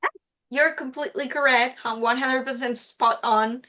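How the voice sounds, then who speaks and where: A woman's voice: high voice, steady tone, normal speed, sharp tone. A woman, a guest in an interview, speaking earnestly and reaching for words with fillers like "you know". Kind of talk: casual interview chat.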